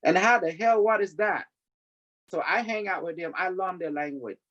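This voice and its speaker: A man's voice: high-pitched, moderate pace, a bit bright, dull audio. A man with a Cambodian accent talking casually as a spiritual teacher, in non-native English with dropped verbs and endings. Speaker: spiritual teacher leading a group call.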